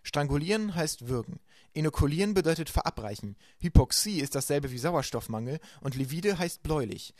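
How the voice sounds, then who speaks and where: A man voicing a calm, bookish young teenage boy who explains things gently in an audiobook. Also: on the high side, a little fast, no room sound, studio quality, pitched above the performer's own voice, close to an everyday voice.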